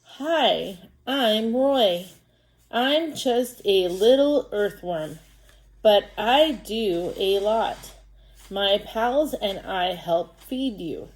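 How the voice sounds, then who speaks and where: A woman reading the lines of a small, cheerful male earthworm from a storybook, slowly and deliberately. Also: mid-range voice, animated, darkish tone, poor audio. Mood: friendly. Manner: slow, deliberate read-aloud.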